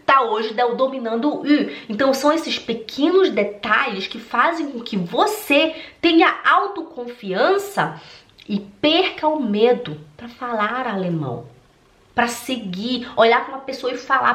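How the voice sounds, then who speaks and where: Speaking at a measured pace in a voice on the high side, this woman from Belém do Pará, Brazil, teaches German and creates online courses. In her motivational talk to camera, she is lively and emphatic, talks straight to the viewer, and laughs readily, with the echo of a roomy space around her.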